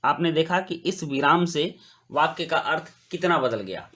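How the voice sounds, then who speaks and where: A man teaching a grammar lesson to young schoolchildren, explaining slowly and clearly and reading example sentences aloud. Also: fairly high pitch, expressive, a bit bright. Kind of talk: Hindi grammar lesson for children.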